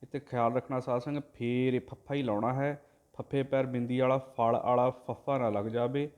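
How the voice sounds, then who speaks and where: A man of middling pitch teaches careful recitation, drawing each verse out slowly and loudly before explaining it. His voice stays fairly level throughout, with little rise and fall. Between verses he speaks softer and quicker, spelling out the vowel marks one by one. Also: level tone, clear, resonant tone. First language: Punjabi. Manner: chants verses slowly and loudly, then explains pronunciation quietly. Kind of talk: line-by-line recitation lesson.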